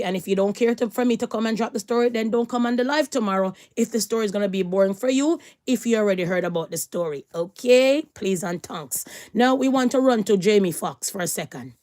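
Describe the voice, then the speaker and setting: Woman, live stream host, casual rambling news chat, mid-pitched voice. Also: darkish tone. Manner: chatty, rambling, repeats allegedly.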